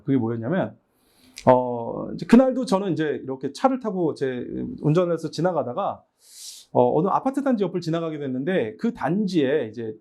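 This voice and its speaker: A middle-aged man, a pastor giving a lively training talk to Sunday school teachers and acting out phone calls with children. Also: a little high. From Busan, South Korea. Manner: animated, acts out both sides of dialogues with children. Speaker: pastor leading a teacher workshop. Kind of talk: lively church training lecture.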